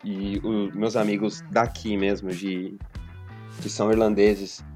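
A Brazilian man with a Brazilian accent in casual podcast chat, explaining things calmly. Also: lowish voice, measured pace, soft background music.

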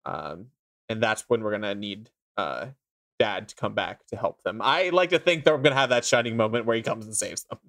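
A man's voice: fairly low pitch, a little fast, a bit bright. A man co-hosting a casual podcast, talking loosely with lots of fillers. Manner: rambling, many fillers. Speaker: podcast co-host.

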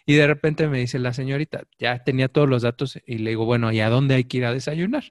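A middle-aged Mexican man tells stories in a relaxed chat and slips into the people he quotes. His voice sits at a middle pitch. The sound is dry and close, with no room echo. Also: quick pace. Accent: Mexican Spanish. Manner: animated storyteller, acts out quoted voices. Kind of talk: casual chat.

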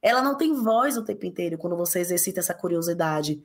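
A woman from the interior of Bahia, speaking as a guest in an interview in an emphatic, passionate way with big pitch jumps. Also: animated, fast. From interior of Bahia, Brazil. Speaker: guest, parenting author. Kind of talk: conversational interview.

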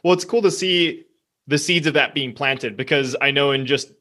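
A man's voice: medium pitch, moderate pace, bright, forceful tone. A man hosting a podcast, asking long, rambling questions with many fillers. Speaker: podcast host. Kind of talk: casual interview questions.

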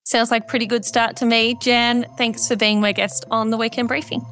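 A woman's voice: a little high, level tone, a little fast, over music. A woman, presenting as a podcast host in a polished, conversational style.

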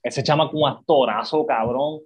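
A man's voice: mid-range voice, normal speed, breathy edge, lo-fi sound. A man co-hosting a podcast, telling stories with lots of swearing. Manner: profane, animated storytelling. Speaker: podcast co-host. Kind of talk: casual chat.

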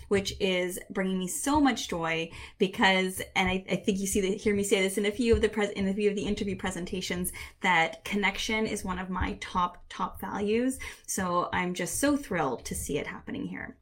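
A middle-aged woman hosting a live online coaching session, chatting casually and often breaking off to rephrase herself. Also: medium pitch. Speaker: career and leadership coach, summit host.

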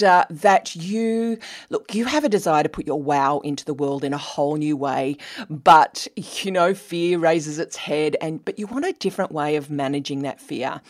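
A woman hosting a casual live online interview, chatty and quick to laugh. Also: on the low side. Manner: chatty, warm-hearted asides, laughs often. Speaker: interview host. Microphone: webcam on a video call.

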